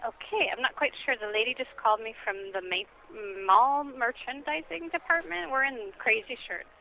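A woman's voice: sits high, moderate pace, vocal fry, slight background noise. A woman who works as a store manager, heard over the phone, talking in a polite and puzzled way and asking questions. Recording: muffled phone line.

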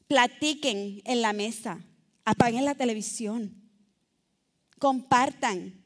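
Woman, high voice, sermon, exhorting, loud and soft by turns. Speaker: preacher.

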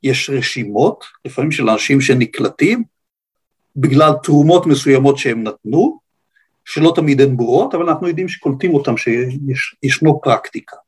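An older man speaks with an Israeli accent in a husky, mid-pitched voice. He recounts history off the cuff in conversation, pausing often and choosing his phrasing with deliberate care. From Israel, grew up on a kibbutz. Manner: hesitant, deliberate, halting phrasing. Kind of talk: unscripted historical account in conversation.

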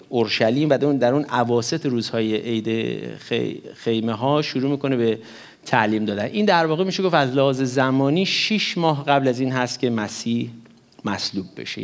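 A man delivers a sermon in a teaching voice at an ordinary middle pitch. He preaches with animated emphasis, rising sharply on key words, and mixes a few English terms into his speech. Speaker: pastor.

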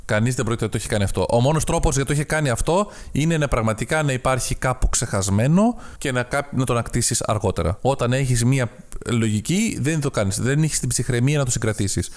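A man co-hosting a casual podcast over a remote call, joking, swearing and laughing between takes. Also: medium pitch. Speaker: podcast co-host. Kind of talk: casual podcast chat with bloopers.

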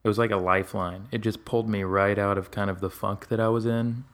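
Casting: man with a very low voice, candid and rambling, casual podcast chat. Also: steady tone, brisk. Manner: candid, rambling with many fillers and restarts.

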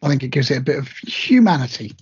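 A man co-hosting a casual podcast, playful and quick to tease. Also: medium pitch, very animated, a little mellow, slight background noise. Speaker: podcast co-host. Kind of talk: casual chat. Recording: dull lo-fi sound.

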